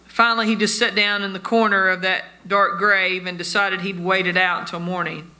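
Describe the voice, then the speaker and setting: A man's voice: sits high, flat delivery, normal speed, bright, forceful tone. A man preaching a sermon, telling stories and addressing his listeners as friends. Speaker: pastor.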